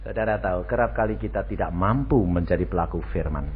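A male pastor with a low, slightly quick voice and a breathy edge preaches a sermon, acting out the voices of characters as he tells his stories in an animated way. The recording is a dull lo-fi radio stream with faint noise.

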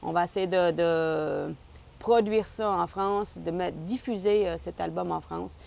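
A woman's voice: lowish voice, steady tone, unhurried, vocal fry, darkish tone. A Québécois woman from the Côte-Nord, a singer being interviewed, chatting and laughing easily and restarting her sentences. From Côte-Nord, Quebec. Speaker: guest singer. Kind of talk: casual interview.

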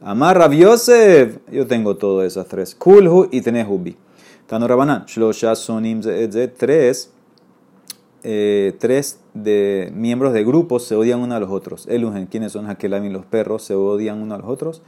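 A man leading a Talmud class reads Aramaic and explains it in Spanish, checking with his listeners often by asking "¿ok?". He talks at a normal speed in a lowish, mellow voice.

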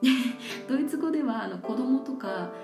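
A woman's voice: sits high, animated, brisk, echoey room. A woman hosting a radio show, chatting casually and explaining things with lots of examples and easy laughter. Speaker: radio host. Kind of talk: casual radio talk about languages. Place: community radio studio. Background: faint guitar music.

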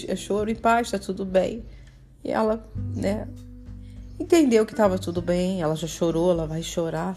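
A woman leading a gentle, personal spiritual talk that flows into a guided meditation, over soft guitar music. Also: lowish voice, vocal fry.

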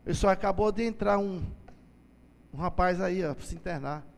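Male preacher sharing testimony in a church hall; high voice, long reverb. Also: moderate pace, creaky. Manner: storytelling, acts out dialogue, addresses listeners as brothers. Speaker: church speaker giving testimony. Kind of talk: testimony sermon.

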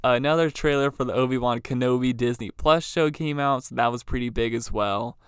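Young man podcasting, clear and very dry. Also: mid-range voice, brisk, a bit bright, no room sound. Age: young adult. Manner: informal, rambling. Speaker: podcast host. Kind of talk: casual solo podcast chat. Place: small clothes closet, indoors.

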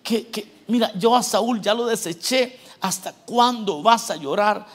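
A male pastor preaching a sermon, swinging between loud exhortation and quiet, joking asides to the congregation. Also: high-pitched, a little slow.

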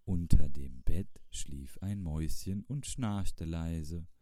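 A man reading a children's storybook aloud in a calm, measured way. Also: low voice, no room sound. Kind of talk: storybook narration.

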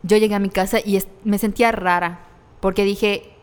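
A young woman with a Mexican accent tells her story in candid, slangy chat, laughing now and then. Her voice is smooth and resonant, and a long reverb rings around it. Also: medium pitch, steady tone, normal speed. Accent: Mexican Spanish. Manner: candid, laughs through hard memories, slangy. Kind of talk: casual conversational storytelling.

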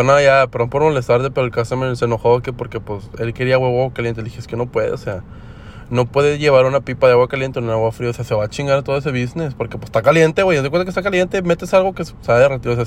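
A young man with a Mexican accent talking casually for his podcast, rambling with lots of slang and fillers. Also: mid-range voice. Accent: Mexican Spanish. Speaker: podcast host. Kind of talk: casual everyday monologue. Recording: faint background noise.

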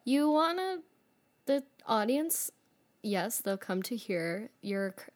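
A woman's voice: fairly high pitch, very animated, slow. A young woman co-hosting a music podcast, speaking candidly and animatedly and laughing often. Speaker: podcast co-host. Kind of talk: casual chat.

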